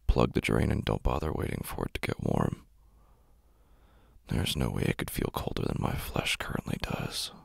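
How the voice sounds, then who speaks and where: A horror podcast narrator with an extremely low, gravelly, husky voice, breathy at times, tells a first-person horror story from close to the mic with no room sound. He is brooding, intense, and very animated at normal speed, with heavy vocal fry and dramatic pitch slides.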